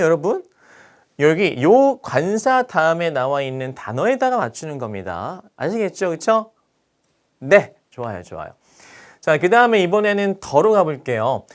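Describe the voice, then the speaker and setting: Animated Korean grammar teacher, man. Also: on the high side. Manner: lively teacher asking rhetorical questions and checking in often. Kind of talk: recorded grammar lecture.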